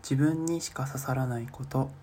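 Young man, twenties, solo comic podcast, deadpan, self-mocking, murmured inner-thought asides. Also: medium pitch, moderate pace, very noisy. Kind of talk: comic monologue.

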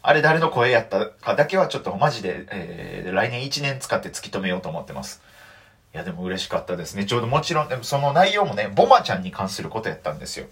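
A young man with a Kansai accent telling stories on his solo talk show, animated and mock-outraged in his asides. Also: fairly low pitch, quick pace. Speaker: comedian and podcast host.

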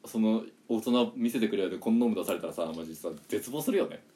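A young man co-hosting a casual podcast chat, teasing his partner with quick retorts. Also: fairly low pitch, expressive, dark tone. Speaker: podcast co-host.

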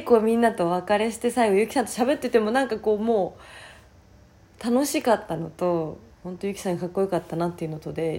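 A woman with a hoarse, raspy voice talking casually on her own as a podcast host. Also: fairly low pitch, mellow. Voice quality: husky, raspy. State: hoarse voice, worn out from the day before. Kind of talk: casual solo chat.

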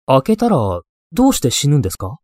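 A man's voice: fairly high pitch, huge pitch swings, fast talker, a little mellow, no room sound, studio quality. A man voicing a puzzled, exasperated younger male student questioning his mentor in a ghost story. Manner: questioning, incredulous.

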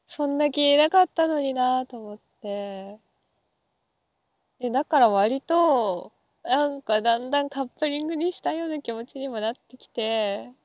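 A woman's voice: high-pitched, normal speed, darkish tone, dry recording, dull audio. A woman talking alone in a casual monologue, rambling and full of fillers, often stopping to question herself aloud. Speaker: app talk show host.

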